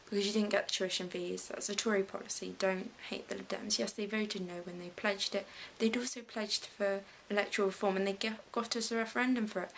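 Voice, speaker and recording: A teenage girl with an English accent rambles through a casual vlog, breaking off and restarting her sentences as she goes. Her mid-pitched voice has plenty of vocal fry, and a faint hiss sits under the recording. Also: steady tone, brisk, few pauses, rough recording. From England. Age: late teens. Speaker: vlogger.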